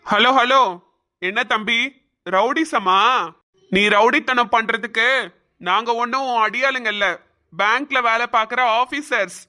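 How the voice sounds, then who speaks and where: A woman's voice: fairly high pitch, measured pace, long pauses, bright, forceful tone, pitched below the performer's own voice. A woman doing a rude, menacing bank officer. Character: arrogant threatening bank officer man. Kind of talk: cartoon voice acting.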